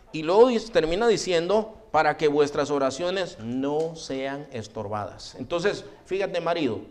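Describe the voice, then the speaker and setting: A man, a pastor, preaching a sermon in a direct, admonishing way, calling his listeners "brother" again and again. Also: a little high. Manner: addresses the congregation as "hermano" over and over.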